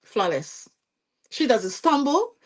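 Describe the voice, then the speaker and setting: A Vincentian woman from Saint Vincent and the Grenadines, with a fairly high voice, speaks slowly as a guest on a podcast. She tells stories in a lively, chatty interview style, often asking "you see what I'm saying?"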